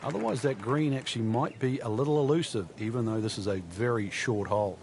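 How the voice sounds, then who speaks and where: A man's voice: medium pitch, fast talker. A man giving conversational golf commentary as an analyst, chatty and informal in his delivery. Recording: outdoor crowd noise throughout. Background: loud crowd and outdoor ambience.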